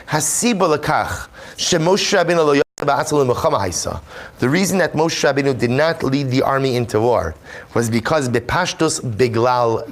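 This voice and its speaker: A rabbi teaches a Torah class in a mid-range voice. He reads Hebrew source text aloud, explains it in English, and repeats his key points for emphasis.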